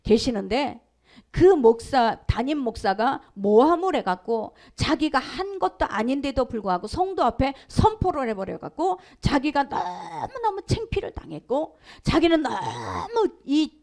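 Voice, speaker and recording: A senior pastor, a woman with a high-pitched, darkish voice, preaches a sermon in a church sanctuary. She's emphatic and conversational, telling stories repetitively and sometimes dropping to a whisper.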